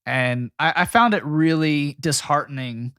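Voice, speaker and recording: A man's voice: on the high side, measured pace, bright, forceful tone, smooth, dry recording, clean studio sound. A young adult man co-hosting a casual podcast chat, talking loosely with many "you know" fillers. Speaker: podcast co-host.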